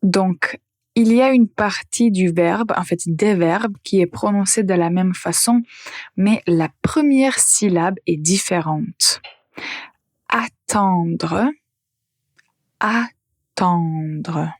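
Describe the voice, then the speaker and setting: A woman hosting a language-lesson podcast, speaking slowly and repeating each example sentence for learners. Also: mid-range voice, darkish tone, no echo, clean studio sound. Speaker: language teacher and podcast host. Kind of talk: slow, careful French lesson podcast.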